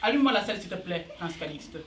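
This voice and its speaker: A male comedian voicing a bossy, flamboyant theater teacher who teases and barks sudden orders at a stand-up audience, recorded from a distance in an echoey room with loud crowd noise. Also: high voice, animated, fast talker. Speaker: comedian in character. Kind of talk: stand-up character act. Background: audience laughter.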